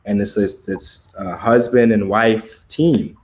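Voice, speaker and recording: Taking his time, an American livestream host speaks in a lowish, steady voice that's a little mellow. The chat is casual; he laughs a lot, stays laid-back, and uses loose slang.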